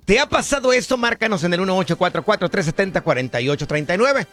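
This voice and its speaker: A man's voice: sits high, lively intonation, fast, fairly bright tone, soft background music. A male radio host in casual, playful banter with callers. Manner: playful, teasing.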